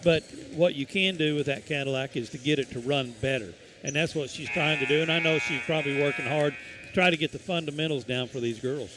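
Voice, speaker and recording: A man provides casual color commentary for a high school basketball game, folksy and rambling, with lots of fillers and restarts. He speaks fairly quickly, hardly pausing, over background noise.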